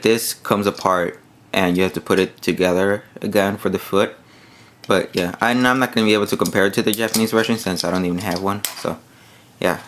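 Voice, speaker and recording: A man with a very low voice talks through a toy review in a loose, rambling way. He fills his speech with "like" and "yeah" while he handles and shows off the pieces. Faint household clatter sits behind him. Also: a bit bright, slight background noise. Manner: rambling, many fillers like "like" and "yeah"; hands-on, demonstrating while talking.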